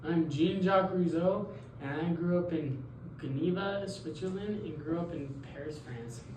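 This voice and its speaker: In a school role-play interview, a teenage student earnestly plays the idealistic male philosopher Jean-Jacques Rousseau, speaking hesitantly and correcting themselves. The voice is medium-pitched, moderately paced, darkish and lightly acted. The recording sounds roomy, with a distant mic and faint noise.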